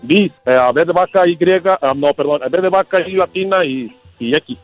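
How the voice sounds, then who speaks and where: A man calls in to a radio show and rambles through a story in casual slang. His voice sits a little high and sounds close and dry. Soft music runs underneath. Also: normal speed, no room sound, rough recording. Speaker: caller.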